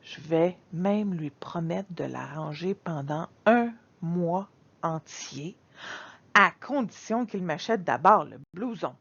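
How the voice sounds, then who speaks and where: A woman reading a children's picture book aloud in an expressive, dramatic storytelling manner. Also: on the low side, takes it slowly, gravelly, slightly rough, highs cut off. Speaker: storybook reader.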